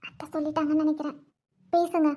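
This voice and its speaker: A tearful younger sister from a cartoon. Her voice is very high-pitched, and she pleads as she talks. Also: fairly quick, a bit bright. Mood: upset. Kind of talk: cartoon voice acting.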